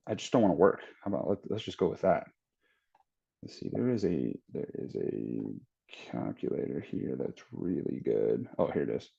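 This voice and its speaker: Low, warm, and touched with vocal fry, this man in his thirties hosts a trading channel and talks through on-screen numbers casually. He rambles, thinking aloud and starting over as he calculates, and the recording sounds dull and lo-fi.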